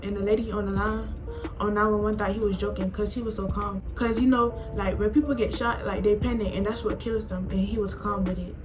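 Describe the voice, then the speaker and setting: A woman's voice: medium pitch, steady tone, a little fast, over music, poor audio. An eighteen-year-old woman vlogging about herself in a rambling, chatty way, filling her talk with "like.". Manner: chatty, rambling, says "like" a lot. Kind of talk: casual talk to camera.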